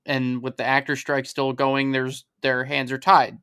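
A man's voice: mid-range voice, little pitch movement, a little slow, sharp tone, clear, resonant tone. A man co-hosting a film podcast as a box office analyst. He rambles and thinks aloud, often restarting his sentences. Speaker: staff writer and box office analyst, co-host. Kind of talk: casual podcast chat.

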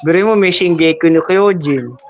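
A man with a Filipino accent co-hosting a casual podcast game, brisk, joking and arguing points. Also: a little high, lo-fi sound, slight background noise. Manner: brisk, argues points, jokes. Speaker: podcast co-host.

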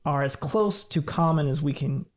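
A man explaining ideas in a relaxed, casual chat, thinking aloud with light laughs. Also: on the high side, normal speed.

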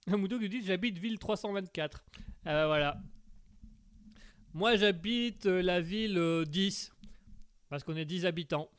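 A man hosts a relaxed live stream, chatting with his viewers. His voice sits a little high, and he rambles along, stacking puns and tripping over restarts and fillers. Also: unhurried, long pauses, clean tone. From Belgium. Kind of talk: casual live stream chat reading chat messages.

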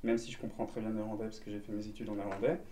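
A man's voice: fairly low pitch, monotone, racing, dark tone, distant mic. A man from Belgium speaks as a guest in a casual chat. He talks earnestly and leans on slang and filler words. The sound is echoey, with plenty of room around his voice.

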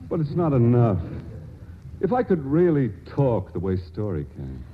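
A man plays an earnest, shy chemist in love, in the style of 1940s radio drama, speaking hesitantly, stammering, and a little slowly. His medium-pitched voice swoops wildly, and the recording sounds like a muffled old radio broadcast with faint hiss.

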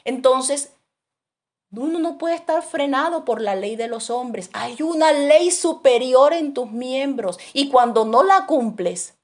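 A woman preaching to her congregation in an animated, storytelling way. Her voice sits a bit higher than most, and she slips into other people's voices to act out her anecdotes. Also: slow pace. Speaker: Bible teacher. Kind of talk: sermon teaching.

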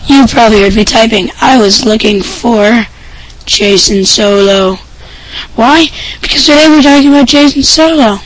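A woman hosting an amateur podcast with a hoarse, scratchy voice, rambling and offhand as she chats and reads out items. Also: fairly high pitch, normal speed. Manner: rambling, offhand, self-interrupting. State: hoarse voice, clearing throat. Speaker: podcast host. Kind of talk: casual amateur podcast talk, part reading news items.

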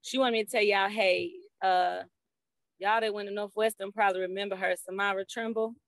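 Woman, group chat, chatty check-in, mid pitch, dry audio. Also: fairly even intonation, fairly quick, fairly bright tone, no echo.

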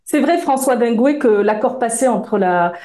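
Mellow-voiced woman hosting a debate. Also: fairly high pitch, animated. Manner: measured, poses questions to guests. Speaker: host. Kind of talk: debate moderation.

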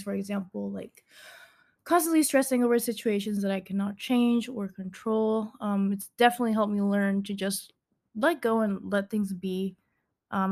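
A woman's voice: medium pitch, creaky. A woman in her twenties from Central America hosting a casual podcast, chatty and reading from a script with many ums and laughs. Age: 20s. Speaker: podcast host.

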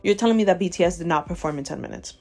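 A podcast host in her twenties from Ecuador, whose first language is Spanish, rants emphatically on a casual show, speaking rapid-fire in a fairly low, creaky voice. She is animated and keeps tagging on "okay?". Faint chill music plays in the background.

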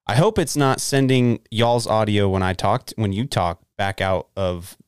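A man co-hosting a podcast, rambling loosely and swearing now and then. His voice sits low, with a smooth, resonant tone on a dry, close mic. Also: unhurried, dry recording. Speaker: podcast co-host. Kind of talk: casual chat.

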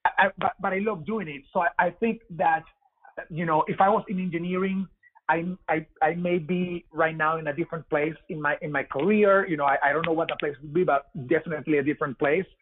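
A Venezuelan guest in his forties, speaking with a Venezuelan Spanish accent, chats casually in an interview over a web call, repeating words, saying "you know" a lot, and laughing easily. His voice is a little high, fairly quick and fairly even in intonation. The audio is dry and phone-like, with no echo.

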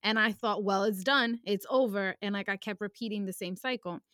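A woman's voice: medium pitch, normal speed, a bit bright, dry recording. Casting: young woman, raw and emotional, casual slang, dry close recording. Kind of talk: candid personal conversation.

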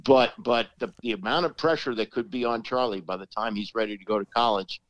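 A middle-aged man chatting casually as a sports commentator, emphatic and halting, often repeating words as he makes his point. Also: fairly low pitch, dry recording.

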